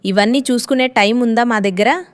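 A woman voicing a harsh young daughter-in-law who scolds in a sharp, complaining tone. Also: on the high side, brisk, voice pushed up, lightly acted. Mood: scornful.

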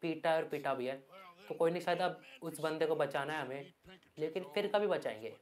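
Hyped man yelling over gameplay. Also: a little high, fairly quick. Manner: loud, hyped, yelling at the game. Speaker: gaming YouTuber. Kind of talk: excited Hindi gameplay commentary.

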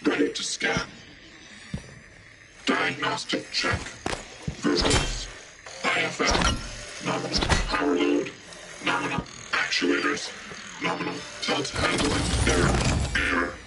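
A man voicing a malfunctioning scanning robot in a video game, with a glitching robotic voice filter and flat, clipped announcements. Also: low-pitched, slow, creaky, long pauses, heavily acted. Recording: distant voice under loud game music.

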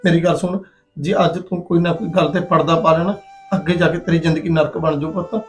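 A worried old village father with a fairly high, gentle voice, played by a man, pleading and fatherly with a Punjabi accent. His voice sounds roomy in a reverberant space, with soft music underneath, as in a short film drama. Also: fairly even intonation, fast, lightly acted. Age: older. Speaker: father-in-law, father of the bride.

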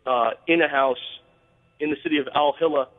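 A man calls in to a radio show, his voice squeezed through a thin, tinny phone line with a long reverb trailing behind it. He speaks quickly in a slightly high register, earnest and halting, full of fillers and restarts. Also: steady tone. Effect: call-in phone line on air. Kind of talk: call-in radio chat.

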